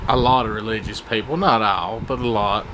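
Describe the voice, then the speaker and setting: A man's voice: on the low side, fairly even intonation, normal speed. A man chatting casually in a rambling vlog, hesitant and meandering, frank and coarse in his wording. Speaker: vlogger. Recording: loud fan noise over the voice. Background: whirring fan.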